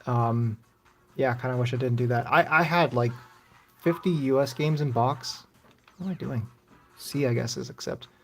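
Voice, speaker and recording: Gravelly offhand gaming streamer man. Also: mid-range voice, moderate pace. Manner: rambling, offhand, swears casually. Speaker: live streamer. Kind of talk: casual gaming commentary.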